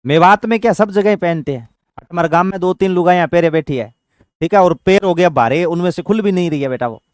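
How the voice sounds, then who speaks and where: A man's voice: sits high, brisk, no room sound, studio quality. A man teaching an exam-prep class in a chatty, affectionate way, repeating terms so students memorize them. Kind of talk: online exam-prep lecture.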